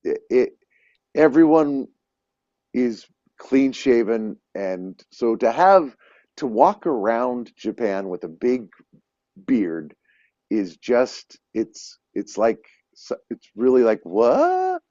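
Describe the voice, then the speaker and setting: A man's voice: medium pitch, lively intonation, slow pace, warm tone, dry recording. Chatty man on a dull, dry line. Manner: chatty, with many restarts and "like" fillers. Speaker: guest, Santa performer living in Japan. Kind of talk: casual conversation.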